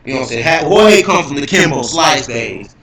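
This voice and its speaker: A man's voice: on the high side, lively intonation, fairly quick, background noise. Robot-glitched man, very echoey. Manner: loose, profane, repeats himself a lot. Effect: clangy robotic glitch on the voice. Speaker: livestream host. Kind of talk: casual live stream chat. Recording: robotic, echoey, distant computer mic.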